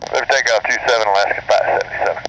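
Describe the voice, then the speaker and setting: A man's voice: medium pitch, steady tone, sharp tone. A man speaking as an airline pilot over his cockpit radio, rattling off procedural readbacks heard through a scanner. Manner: rapid, procedural phrasing. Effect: pilot's cockpit radio call heard over a scanner. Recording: noisy radio transmission.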